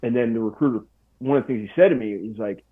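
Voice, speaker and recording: A man's voice: medium pitch, fast talker, breathy edge. A man in his forties, a podcast guest, telling a story in a casual, slangy way. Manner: laid-back, slangy, full of "dude" and "bro". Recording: tinny phone-like line.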